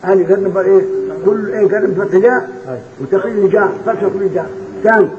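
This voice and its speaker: A man with an Egyptian Arabic accent, teaching Quran recitation rules to students, drilling them with questions and chanting verses slowly between quick explanations. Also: high-pitched, fairly even intonation, echoey room. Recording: tinny phone-like recording with noise.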